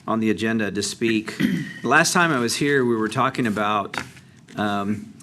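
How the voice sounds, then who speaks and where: A man's voice: on the low side, moderate pace, bright, forceful tone, slight background noise. A man giving a casual, conversational update to a city council, with many fillers and restarts. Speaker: transit district presenter. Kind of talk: council presentation.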